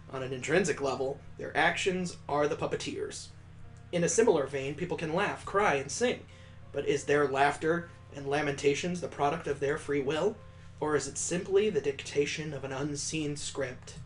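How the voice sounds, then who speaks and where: A man on a gaming video reads visual novel text with a playful, expressive delivery, peppering it with jokes of his own. His voice leans high.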